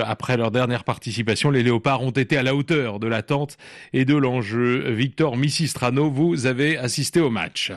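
A man anchoring a radio news bulletin, reading in a measured way with the odd hesitant filler. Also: mid-range voice, no echo, clean studio sound.

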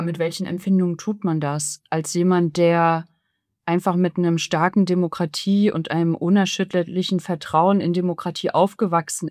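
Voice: medium pitch, a little mellow, dry recording. A talkative guest in their thirties from eastern Germany, answering interview questions at length and padding thoughts with little hedging fillers. The sound is dry and close, with no room around the voice. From Mecklenburg-Vorpommern, eastern Germany. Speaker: author and journalist, interview guest.

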